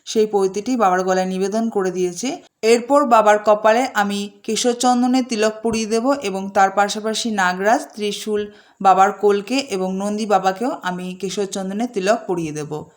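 A woman calmly guiding a home worship ritual step by step, slowing to chant short Sanskrit-style mantras between her instructions. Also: medium pitch. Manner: calm, measured, slows down to chant mantras. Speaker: puja instructor.

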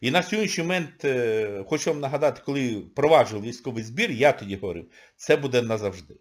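A man's voice: mid-range voice, lively intonation, fast talker. A man, an economist, giving a sarcastic, scolding video monologue full of exclamations.

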